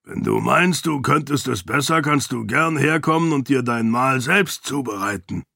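A man voicing a gruff middle-aged uncle with a raspy voice, in an audiobook reading. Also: mid-range voice, lively intonation, moderate pace, pushed and bright, no room sound, clean studio sound, heavily acted. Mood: curt. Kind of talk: audiobook character voice.

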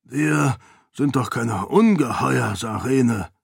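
A man's voice: mid-range voice, slow pace, vocal fry, slightly rough, dry recording, heavily acted. A man voicing a wry, teasing nobleman who cautions his peers. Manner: warning, dry teasing.

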